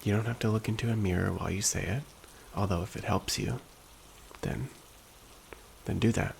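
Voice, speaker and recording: A man speaking in a slow, soft, hushed and gentle ASMR pep talk style, at times whispery. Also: steady tone, slight background noise. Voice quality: low, very creaky. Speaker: ASMR host.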